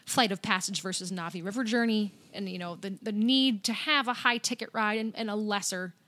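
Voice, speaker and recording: A woman's voice: medium pitch, brisk, pushed and bright. A woman co-hosting a casual podcast, chatty and upbeat as she runs through news items. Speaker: podcast co-host. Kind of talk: casual podcast chat about theme parks.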